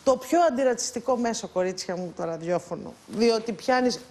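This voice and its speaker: A woman's voice: a little high, darkish tone. A woman mentoring a group of contestants, speaking in a playful, teasing way and calling them pet names. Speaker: guest mentor on a presenter contest show. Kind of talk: casual coaching talk to contestants.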